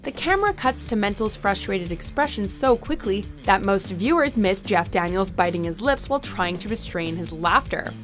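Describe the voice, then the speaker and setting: A woman's voice: medium pitch, animated, normal speed, hardly any pauses, over music. A woman reading scripted narration for a countdown video as its narrator.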